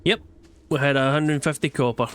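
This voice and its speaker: A man's voice: on the high side, fairly even intonation, fairly quick, slight background noise. A man commenting as he plays a game, sarcastic and blunt with the characters. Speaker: gaming channel host. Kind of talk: let's play commentary.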